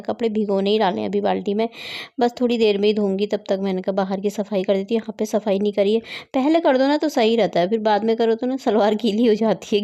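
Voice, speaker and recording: A woman in her thirties talks through her morning chores in a loose, rambling home vlog. Her voice is soft and mellow, neither high nor low, and she breaks into easy laughs. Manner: chatty, rambling, laughs often. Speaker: vlogger. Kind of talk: casual home vlog narration. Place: home, rooms and rooftop.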